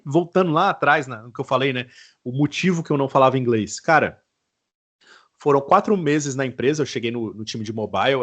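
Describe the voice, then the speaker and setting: A man with a Brazilian Portuguese accent talks as a guest in a casual podcast interview. His voice sits at a middling pitch, and he tells his story in a relaxed, slangy way. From Goiás, Brazil. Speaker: guest, mobile engineer.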